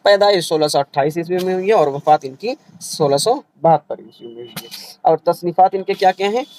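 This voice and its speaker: A man with a fairly high voice teaches an exam-revision class, going over each point more than once. His delivery is patient and methodical. He checks in with his students often to make sure they are keeping up. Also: lively intonation, brisk, a little mellow, rough recording. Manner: explains patiently, repeats points, often checks with "theek hai". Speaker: Urdu exam-prep teacher. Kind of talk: online revision lecture.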